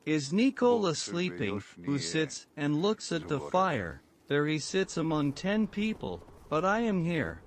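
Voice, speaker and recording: Man, dubbed documentary narration, very slow, measured and flat, crowd murmur behind. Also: fairly high pitch. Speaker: voice-over narrator.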